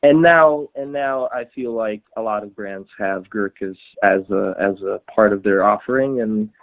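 A man talking casually about menswear in a podcast conversation, stopping and restarting his sentences often. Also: lowish voice. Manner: halting, many restarts and fillers. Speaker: customer service at a trouser maker. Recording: tinny phone-like line.

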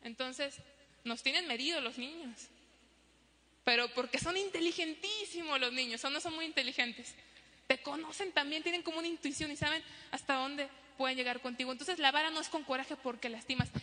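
A middle-aged woman preaching a sermon to a congregation, animated, acting out parents and children. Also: high-pitched, brisk. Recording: long hall reverb.

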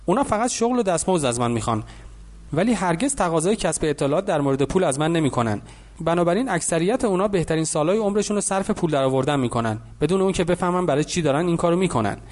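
A man voicing a wealthy older businessman who calmly lectures a boy in an audiobook. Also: on the high side, natural voice. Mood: lecturing. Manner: patient, instructive.

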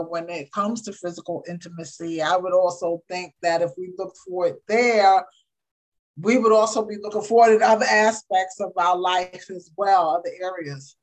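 A woman's voice: on the low side, low-quality recording. Reflective woman host, thinking aloud. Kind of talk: casual chat.

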